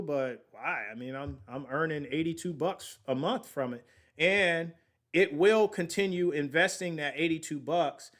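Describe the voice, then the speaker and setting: A man in his late thirties hosts a laid-back podcast about investing. His voice sits somewhat higher than most men's, and he talks to his listeners in a chatty, slangy way. He keeps working out the numbers aloud as he goes. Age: late 30s. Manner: chatty, thinks aloud while working sums; slangy, addresses listeners as y'all. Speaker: podcast host. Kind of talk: casual investing talk.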